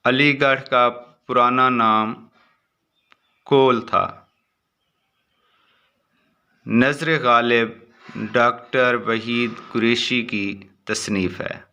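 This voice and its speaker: A man reading short exam answers aloud as a teacher, in a steady recitation with brief asides. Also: mid-range voice, smooth.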